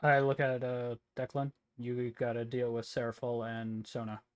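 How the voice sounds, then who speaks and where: A man's voice: medium pitch, completely flat delivery, normal speed, clear, resonant tone. A man playing a tabletop game, switching casually between table chat and speaking for his character.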